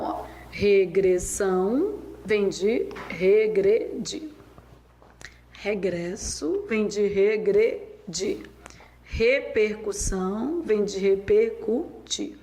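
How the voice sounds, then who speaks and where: A Brazilian woman teaching a spelling lesson, dictating words slowly and drawing them out. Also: mid-range voice, darkish tone, low-quality recording. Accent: Brazilian Portuguese. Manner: slow, drawn-out dictation of words.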